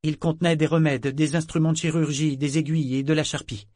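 A man voicing an earnest young boy who speaks gravely and carefully, in a dry studio reading. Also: on the high side, little pitch movement, fairly quick, a little mellow, no echo, voice pushed up, close to an everyday voice. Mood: careful, explaining.

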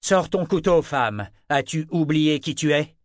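A man's voice: fairly high pitch, animated, measured pace, no echo, clean studio sound, pitched above the performer's own voice. A man voicing a fierce, grieving young warrior who bawls urgent commands. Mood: commanding. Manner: bawling, urgent.

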